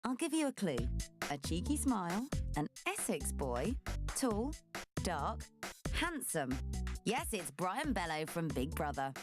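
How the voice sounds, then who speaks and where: A woman reads promotional narration with a playful, presenterly delivery. Her voice is fairly low but very animated, with music clearly underneath. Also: unhurried.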